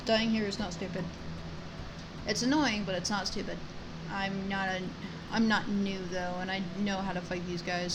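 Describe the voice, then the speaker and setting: Video game music plays behind this woman's mid-range voice as she narrates her playthrough. She is casual and self-deprecating, talking to the game's characters while she plays.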